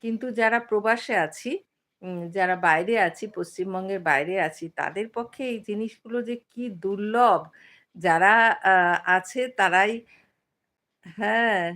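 A middle-aged woman hosts a casual live stream from her phone and talks straight to her viewers. She chats in a loose, easy way, fills gaps with little sounds and stops often to read comments aloud. Her voice sits at an average pitch for a woman. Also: unhurried, long pauses, a bit bright. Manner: chatty, many fillers, reads out viewer comments.

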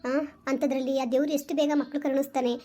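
A woman's voice: sits high, little pitch movement, fast talker, very noisy. A woman talking with her husband in a casual family chat, earnest and reassuring. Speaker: wife in a family vlog. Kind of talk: casual heartfelt family talk.

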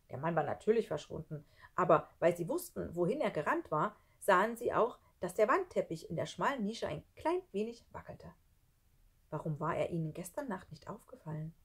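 Female audiobook reader, husky and low-pitched, suspenseful storytelling. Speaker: audiobook narrator. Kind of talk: children's audiobook reading.

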